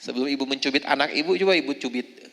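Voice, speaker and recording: A man's voice: mid-range voice, very fast, creaky, bright, forceful tone. A man preaching casually to a group of women, chatty, often checking in with his listeners. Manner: chatty, tags lines with "ya, Bu". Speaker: Islamic preacher. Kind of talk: religious study talk to women. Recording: long reverb of a hall.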